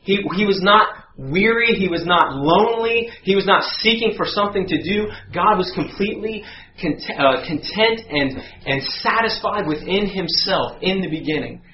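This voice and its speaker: A man telling a lively story in a sermon, acting out voices and sound effects as he goes. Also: high-pitched, moderate pace. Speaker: guest preacher. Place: church sanctuary. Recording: echoey church, dull sound, faint hum.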